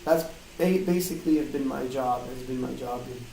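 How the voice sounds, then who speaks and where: A man being interviewed, explaining his work in a casual, halting way in a hard-walled office with a metallic flutter echo. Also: mid-range voice, vocal fry, warm tone. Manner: hesitant, halting, loosely worded. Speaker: game audio designer being interviewed. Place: small hard-walled office in co-working space. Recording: roomy flutter echo, distant mic, faint noise.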